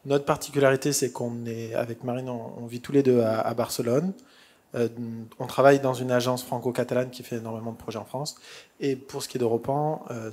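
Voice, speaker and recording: A man introducing himself as an architect on a panel, halting and full of fillers. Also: medium pitch, a little mellow, husky.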